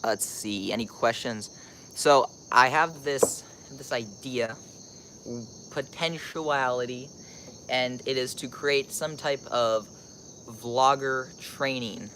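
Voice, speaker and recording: A man's voice: medium pitch, slow pace, bright, forceful tone, a little hiss or hum. A teenage young man from Costa Rica chats casually as a live-streaming vlogger, rambling and thinking aloud with lots of filler "like"s.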